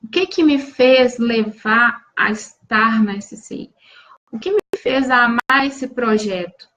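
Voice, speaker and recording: A woman's voice: on the high side, takes it slowly, a bit bright, poor audio. A woman from Brazil hosting a live stream, coaching viewers in an earnest, restarting way and answering them by name.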